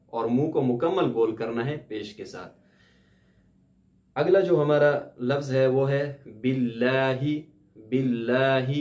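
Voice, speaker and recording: A man teaching a Quran recitation lesson, stretching syllables slowly so students can repeat after him. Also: mid-range voice, darkish tone, reverberant.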